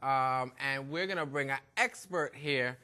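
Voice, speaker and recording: A man's voice: medium pitch, a little slow, bright, forceful tone. A man from Brooklyn hosting a cooking show in playful, joking banter with his guest. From Brooklyn, New York. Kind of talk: casual cooking show chat.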